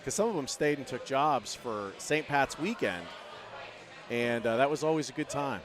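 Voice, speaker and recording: A man doing casual color commentary at an axe-throwing event, telling rambling stories in a relaxed way. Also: medium pitch, moderate pace, over music. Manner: rambling, laid-back storytelling with laughs. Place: on a platform at the event venue.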